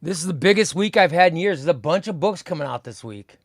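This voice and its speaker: He's a comics livestream host in his fifties, talking fast in a somewhat high voice with lively intonation. He rambles and repeats himself while casually reading viewer comments aloud.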